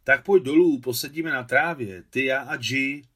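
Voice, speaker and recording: A man's voice: on the high side, expressive, fairly bright tone, slightly rough, voice pushed up. A man reading aloud who voices an eager, curious little village boy.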